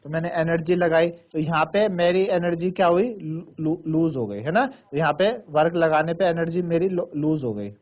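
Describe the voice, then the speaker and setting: A male science teacher, lecturing pupils in a studio classroom, asking them questions again and again and dictating definitions slowly, word by word. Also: a little high. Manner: repetitive, quizzing questions to pupils. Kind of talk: classroom lecture in Hindi with English terms. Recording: thin phone-like sound.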